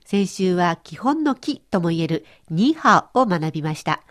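A woman's voice: on the low side, moderate pace. A woman presenting a radio language lesson, explaining cheerfully. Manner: cheerful explaining, lively intonation. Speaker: language teacher.

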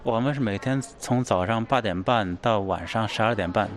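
A man's voice: fairly low pitch, a little slow. A man acting as company guide, plainly explaining the facilities on a tour. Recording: busy crowd noise behind.

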